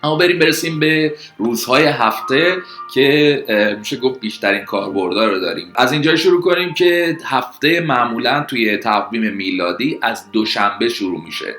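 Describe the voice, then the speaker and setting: Bright-voiced Persian man teaching English. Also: mid-range voice, lively intonation. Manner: slow, clear drilling of words. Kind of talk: language lesson. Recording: echoey room, faint music.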